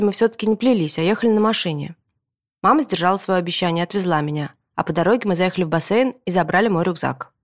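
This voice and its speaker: Woman reading a children's story aloud. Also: medium pitch. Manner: lively first-person storytelling in a boy's voice. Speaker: audiobook narrator. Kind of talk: scripted narration of a children's book.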